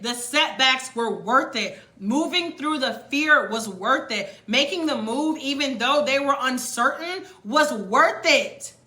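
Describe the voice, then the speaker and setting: An American woman giving a motivational livestream talk, loud and sharp, blunt and emphatic, stretching key words for effect. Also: high voice. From United States. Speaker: livestream host coaching on moving abroad.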